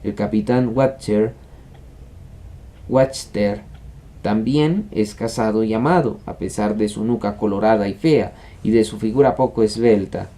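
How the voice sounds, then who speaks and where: Male audiobook reader with a mellow tone. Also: fairly low pitch. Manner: measured storytelling. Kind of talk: literary audiobook narration.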